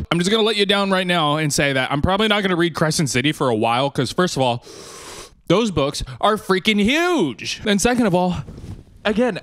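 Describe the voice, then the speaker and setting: A male YouTuber answering viewer questions in a casual, joking Q&A vlog with quick asides. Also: sits high, dry recording, studio quality. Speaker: book and media YouTuber.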